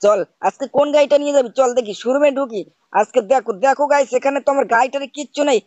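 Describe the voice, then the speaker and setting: Here the host's voice is high-pitched and a little mellow as he races along, cast as a scolding uncle over gameplay who never stops asking "bujhchhis?" The audio is dry, with the highs cut off.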